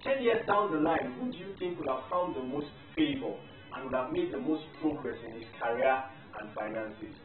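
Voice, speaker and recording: A man's voice: medium pitch, animated, moderate pace. A man giving a motivational faith teaching, emphatic and repeating key phrases in lists. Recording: tinny, roomy, distant mic with faint music.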